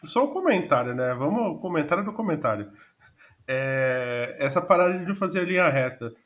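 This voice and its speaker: Casting: man, Brazilian Portuguese accent, lively swooping intonation, highish voice, blunt slangy chat. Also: normal speed. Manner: slangy, blunt, coarse informal talk. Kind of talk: casual podcast chat.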